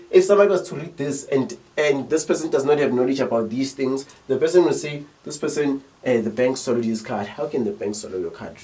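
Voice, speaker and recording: A man's voice: mid-range voice, dark tone, recorded from a distance, low-quality recording. A young South African man giving a casual video lesson, chatty and often checking in with rhetorical questions. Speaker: teacher.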